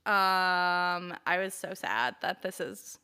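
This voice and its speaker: A young woman co-hosts a casual podcast, talking in a chatty run with many fillers. Her voice is bright and clear. She slips into little acted-out quotes as she talks. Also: on the low side, slow pace. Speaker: podcast co-host. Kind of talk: casual chat recap.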